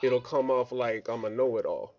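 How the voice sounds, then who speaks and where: A man's voice: medium pitch, moderate pace, darkish tone. Man on a glitchy group voice chat. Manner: poses points as questions instead of stating facts. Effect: group voice chat audio, connection breaking up. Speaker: participant in an online group discussion. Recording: dull lo-fi voice-chat line.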